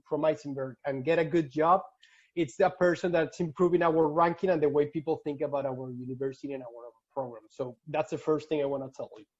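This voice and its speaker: Venezuelan man, thirties, earnest alumni talk over a video call, high voice, dull lo-fi sound. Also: a little mellow. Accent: Venezuelan Spanish. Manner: earnest, frequent restarts. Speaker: alumni speaker. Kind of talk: casual slide presentation.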